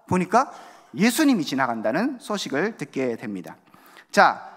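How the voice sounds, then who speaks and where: A man's voice: sits high, a bit bright. A male pastor preaching a sermon in a church, asking the congregation questions and acting out the voices of the crowd. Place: church sanctuary. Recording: long church hall reverb.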